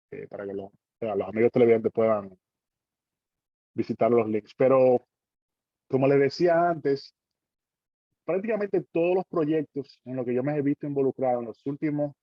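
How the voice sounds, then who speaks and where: A man's voice: medium pitch, no echo, highs cut off. A man in his forties with a Dominican accent, speaking as a guest in an online panel talk, hesitant with many fillers and tag questions. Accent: Dominican Spanish. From Dominican Republic.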